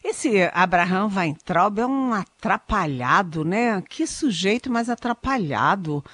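A woman's voice: medium pitch, expressive, takes it slowly, a bit bright, dry recording. A woman giving ironic, emphatic political commentary on a radio talk show, often repeating herself with fillers.

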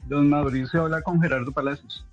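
A man with a Bogotá accent talks over a muffled, lo-fi phone line, his voice husky. He explains things at an easy pace and laughs easily, while faint music plays underneath. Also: a little high, fairly even intonation, a little fast. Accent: Bogotá Spanish. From Bogotá, Colombia. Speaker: caller, marine biologist. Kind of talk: phone-in conversation. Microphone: telephone.

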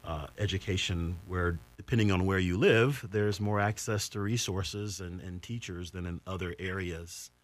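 A man with a very low voice talks as a guest in a radio conversation. He speaks in a measured, earnest way and pauses to rephrase. The sound is plain and close. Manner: measured, with frequent fillers and restarts. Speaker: guest, assistant choir conductor.

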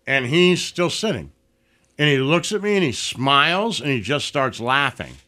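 A man's voice: mid-range voice, normal speed. A man telling a story in casual conversation, swearing freely and acting out the people he quotes. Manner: profane, animated storytelling with acted quotes. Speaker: podcast guest.

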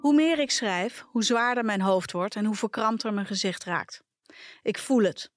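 Woman calmly reading a personal story. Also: mid-range voice, moderate pace, soft background music. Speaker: podcast reader.

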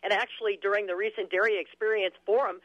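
A woman's voice: mid-range voice, fairly even intonation, fast talker, a bit bright, dry recording, dull audio. An American woman giving a chatty broadcast report as a farm radio reporter.

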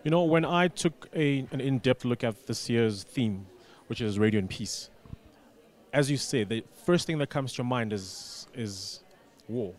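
A man with an average male pitch answers questions as a studio guest on a radio interview, explaining things at length. He speaks deliberately and often repeats a word or phrase while working out his next point. His intonation is lively.

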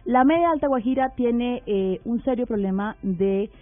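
A woman hosting a radio talk show, speaking in a measured, deliberate way and asking probing questions. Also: a little high, no echo. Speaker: radio host. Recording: narrow phone-like radio sound with faint music bed.

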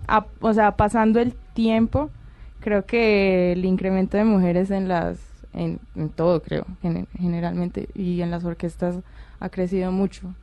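A woman in her twenties with a Colombian accent, an orchestral violinist appearing as an interview guest, answers questions in a casual, informal, hesitant manner. Her voice sits on the low side, level and a little mellow, at a slightly slow pace. The recording is dry with no room sound and the highs cut off.

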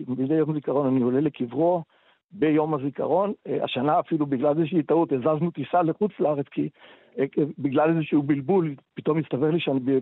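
An older man in his sixties recalls the past as a radio interview guest. He speaks haltingly and retells old conversations with many hesitations, in a slightly high voice. The recording is a thin, dry phone line. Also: no room sound. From Israel, Tel Aviv. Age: 60s. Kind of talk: personal war recollection in a radio interview.

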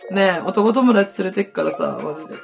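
A woman's voice: medium pitch, a little fast, creaky, music in the background. A woman hosting a podcast, telling stories in blunt, casual slang and acting out the quotes. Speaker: podcast host. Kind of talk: casual storytelling chat.

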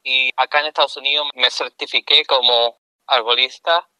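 A middle-aged man with a Chilean accent, a guest answering interview questions in an earnest, explanatory way with pauses mid-phrase. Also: medium pitch, fairly even intonation, sharp tone, clear, resonant tone, dry recording, rough recording. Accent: Chilean Spanish.

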